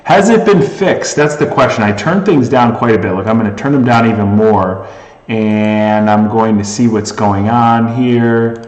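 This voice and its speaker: A man's voice: fairly low pitch, measured pace, far from the mic. A man hosting a casual live stream and chatting with viewers, his voice heavily echoing off a bare room. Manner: rambling, restarts and talks to chat. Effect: heavy echo from a bare room. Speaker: livestream host. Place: echoey room indoors. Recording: echoey room with long reverb.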